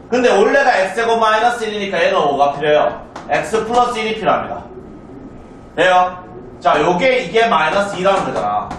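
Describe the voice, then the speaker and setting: A man from South Korea teaches math in a roomy classroom, heard through a distant mic with slight background noise. He has a high voice and fairly bright tone, and he keeps up a brisk, chatty pace while often asking students whether they follow.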